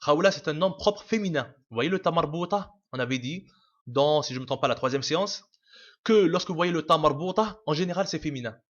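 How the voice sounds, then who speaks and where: A man's voice: fairly high pitch, expressive, fairly quick. A man teaching a casual video lesson, explaining patiently with many fillers, restarts and repeats. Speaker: Arabic teacher. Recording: dull lo-fi home recording.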